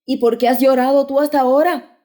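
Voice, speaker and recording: A woman's voice: on the high side, expressive, normal speed, dark tone, pitched above the performer's own voice, close to an everyday voice. A woman voicing a proud young wife who protests in a tense, tearful voice. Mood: tearful, hurt. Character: proud young wife, scornful then humiliated.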